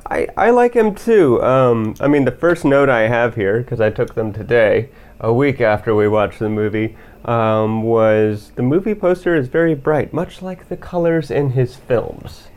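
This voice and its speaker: A man's voice: medium pitch, measured pace, a little mellow, clear, resonant tone. A man co-hosting a casual film review podcast, talking in a laid-back, rambling way and laughing often. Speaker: podcast co-host.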